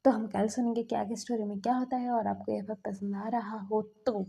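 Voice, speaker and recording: A woman's voice: mid-range voice, flat delivery, fairly quick, gravelly, dark tone, breathy edge. A young woman telling her own fan fiction in a casual, chatty way, talking straight to her listeners. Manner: chatty, addresses listeners as cuties. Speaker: storyteller.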